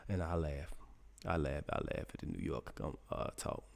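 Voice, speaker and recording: A man's voice: very deep voice, big pitch swings, normal speed, gravelly. A middle-aged man hosting a casual live radio stream, reading out weather for listeners in the chat, loose and joking, talking to himself as he searches.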